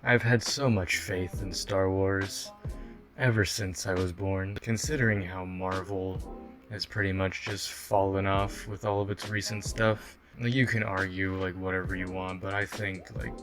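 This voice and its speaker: A man hosting a late-night reaction video, talking in a hushed, mock-seductive narrator voice with blunt, sardonic remarks. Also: deep voice.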